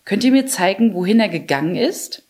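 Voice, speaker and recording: A woman's voice: mid-range voice, lively intonation, brisk, a little mellow, lightly acted. A woman voicing an earnest little girl in a storybook reading. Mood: eager. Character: brave little girl searching for her friend.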